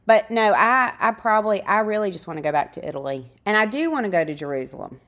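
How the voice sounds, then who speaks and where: A woman's voice: medium pitch, lively intonation, quick pace, fairly bright tone. A young woman guest in a casual podcast interview, chatty and self-deprecating, laughing often.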